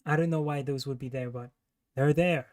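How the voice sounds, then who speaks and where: A man's voice: mid-range voice, steady tone, normal speed, a little mellow, a little hiss or hum. A man hosting a livestream, giving casual, critical commentary as he reacts to a trailer. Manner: critical, disparaging.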